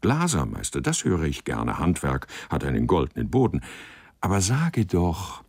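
A condescending noble governor, as a man puts him on, speaks with friendly enthusiasm. The voice sits very low with lively swings in pitch. The recording is close and dry. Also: normal speed, slightly rough, dry recording, full character voice. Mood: genial. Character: genial aristocratic male governor, condescending.

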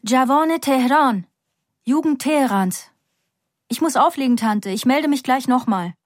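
A woman's voice: sits high, lively intonation, unhurried, no echo, voice pushed up. A woman voicing a proud, defiant young woman student who talks urgently and outspokenly, in a dry, close recording. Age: young adult.

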